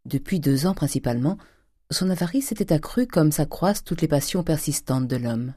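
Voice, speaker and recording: An audiobook reader narrating a classic novel in a measured, deliberate way. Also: medium pitch, expressive, dark tone, dry recording, studio quality.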